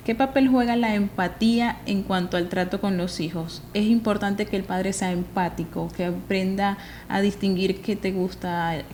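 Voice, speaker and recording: A woman hosts an interview in an easy, conversational tone. She builds long questions step by step and keeps the guest going with soft murmurs of agreement. Faint background noise runs under the recording. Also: mid-range voice. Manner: frequent soft "ujú" backchannels, long framing questions. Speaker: interviewer, host.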